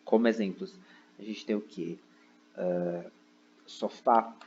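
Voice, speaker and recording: A man's voice: lowish voice, fairly even intonation, takes it slowly, a little mellow, lo-fi sound, slight background noise. A man explaining a lesson from his computer, constantly checking in with "né?" and "ok?". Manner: explaining step by step, frequent "né?" and "ok?" checks. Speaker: teacher. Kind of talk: recorded online lesson. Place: seated at a computer indoors.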